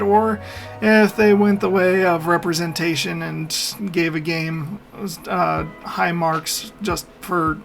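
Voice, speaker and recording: A man's voice: high voice, creaky. A man hosting a meme reaction video, talking casually and opinionatedly, rambling and laughing often. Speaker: meme reaction channel host. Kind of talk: casual commentary.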